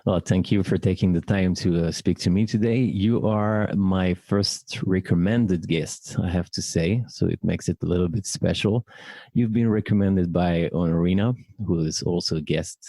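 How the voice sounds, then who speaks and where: Deep-voiced man hosting a podcast. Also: moderate pace, warm tone, dry recording, studio quality. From France. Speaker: podcast host, wedding officiant. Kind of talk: podcast interview.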